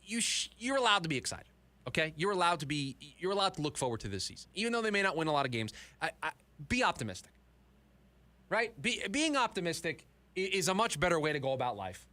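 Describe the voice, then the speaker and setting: A male sports radio host chatting in the studio, animated and repeating words when he gets emphatic. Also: a little high, fast. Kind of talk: sports talk radio chat. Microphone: studio mic.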